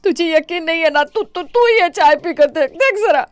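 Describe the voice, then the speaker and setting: A woman voicing a scheming older mother-in-law in an animated story, with theatrical wailing and complaining. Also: extremely high pitch, normal speed, no room sound.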